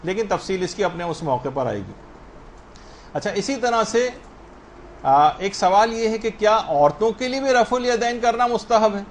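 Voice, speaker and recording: A man with a fairly high voice leads a religious lesson on how to pray correctly. He works through one ruling after another, raising common questions and settling them himself. A faint background hum sits under his voice. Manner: explanatory, asks and answers questions himself; spells out correct pronunciation slowly. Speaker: religious teacher.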